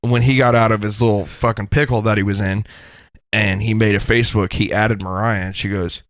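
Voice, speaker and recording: A man's voice: lowish voice, steady tone, fairly quick, a bit bright, no echo. A man co-hosting a comedy podcast, chatting casually with lots of swearing and acted-out quotes. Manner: profane, laughing, acts out quotes. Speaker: podcast co-host.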